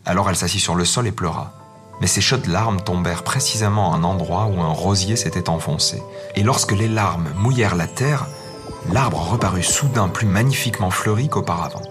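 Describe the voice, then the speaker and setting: A man narrating a fairy tale as a storybook reading, in a gentle, measured manner. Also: low-pitched. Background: faint music.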